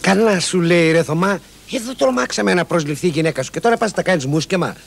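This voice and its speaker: A man's voice: high voice, gravelly, a little hiss or hum. A man playing a brash colleague and friend, jaunty and mocking, on an old film soundtrack. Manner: jaunty, lively, animated. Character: brash lively male friend, mocking leftist.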